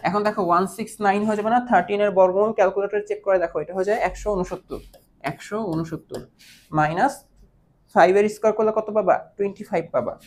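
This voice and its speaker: A woman's voice: medium pitch, steady tone, fast, darkish tone, slight background noise. A woman teaching an online math lesson, patiently asking her students whether they follow and mixing English math terms into her speech. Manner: patient, keeps checking understanding with questions.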